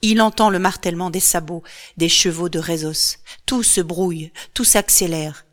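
A woman narrating a myth as a storybook, calm and measured. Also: fairly low pitch.

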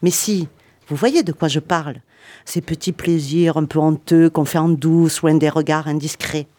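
A woman's voice: low voice, fairly even intonation, moderate pace, mellow. A woman reading a playful, self-mocking radio column and bantering with the studio.

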